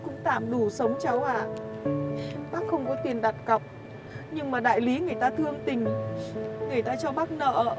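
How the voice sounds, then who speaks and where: A poor old lottery seller, tearful and pleading, as a woman acts her out, her voice very high and thin. Loud music plays under her lines throughout. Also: moderate pace, long pauses, close to an everyday voice. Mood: humble. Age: older. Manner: pleading, sobbing and wailing. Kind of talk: web drama acting.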